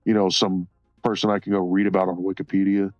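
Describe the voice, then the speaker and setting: Streamer, male, low-pitched, loose profane chat; dry, slightly muffled sound with soft music under it. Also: little pitch movement, fast, no echo. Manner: rambling, profane, laughs often, reads chat aloud. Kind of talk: casual livestream chat while coloring. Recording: slightly dull sound, faint music behind.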